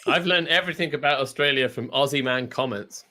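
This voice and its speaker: A man's voice: medium pitch, fairly quick, pushed and bright. Chatty man from England, casual talk. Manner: chatty, laughs often, many restarts. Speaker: podcast host. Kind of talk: casual chat. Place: at home in China.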